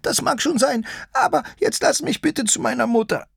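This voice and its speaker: A timid bleating sheep-lion cub. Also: male voice, very high voice, animated, moderate pace, vocal fry, a bit bright, slightly rough, dry recording, studio quality, pitched above the performer's own voice, heavily acted. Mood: frightened pleading. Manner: whimpering, pleading, bleats meh.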